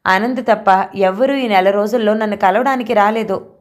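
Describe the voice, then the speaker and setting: A woman's voice: mid-range voice, normal speed, natural voice. Woman reading as a tearful pleading daughter. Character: distressed young woman, a grown daughter.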